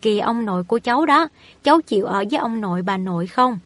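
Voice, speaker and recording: A woman voicing a kindly older woman in a storybook reading, speaking in a gentle, coaxing way. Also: fairly high pitch, expressive, quick pace, no room sound. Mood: affectionate.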